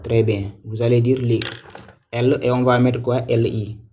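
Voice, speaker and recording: A man's voice: medium pitch, steady tone, a little slow, warm tone, slight background noise. Patient man teaching a live lesson. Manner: patient, repetitive, quizzes viewers; thanks viewers by name. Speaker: Quran teacher. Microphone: livestream mic.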